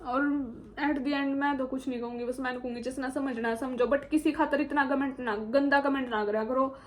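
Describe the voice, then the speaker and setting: High-voiced Haryanvi young woman vlogging. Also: fairly even intonation, moderate pace. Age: young adult. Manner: earnest, appealing to viewers. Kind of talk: personal story monologue.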